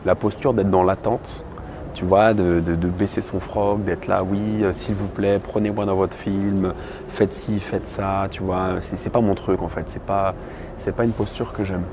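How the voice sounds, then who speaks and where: A man's voice: deep voice, fairly even intonation, a little slow. Blunt man in his thirties vlogging outdoors. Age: 30s. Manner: candid, blunt, filler-heavy. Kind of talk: casual vlog monologue. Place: outdoors on a busy city street. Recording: noisy outdoor street recording. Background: traffic and street ambience.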